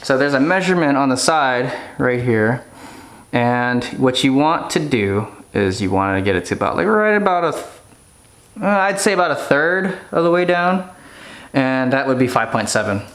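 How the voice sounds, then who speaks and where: A man walking viewers through car maintenance in a casual how-to style, chatty and hurried as he works. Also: mid-range voice, animated, fairly bright tone. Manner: hurried, chatty, restarts phrases while working. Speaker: DIY car maintenance vlogger. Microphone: camera-mounted mic. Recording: echoey garage, faint noise.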